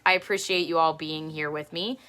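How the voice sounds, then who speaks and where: On a casual live-stream show and tell from her home, a woman in her thirties with a low voice rambles and laughs often. Her delivery is bright and forceful, with fairly even intonation and a slightly fast pace.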